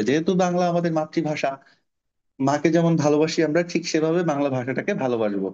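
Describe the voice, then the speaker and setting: Guy teaching a class, kinda high voice, keeps asking the kids questions, sounds a bit muffled. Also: darkish tone. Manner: quizzes students, patient and encouraging. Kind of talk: online class lecture. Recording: dull lo-fi audio.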